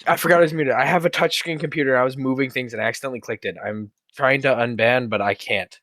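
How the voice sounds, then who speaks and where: A man's voice: mid-range voice, fairly even intonation, fast, a bit bright, dry recording. A man in casual live-stream chat, flustered and self-deprecating, cursing at his own mistake as a cast member and moderator.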